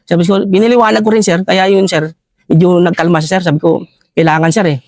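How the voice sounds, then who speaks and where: A man with a Filipino accent recounting a war story in an interview, halting and repeatedly addressing the listener as sir. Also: sits high, steady tone, a little mellow, dry recording. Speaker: retired army ranger scout.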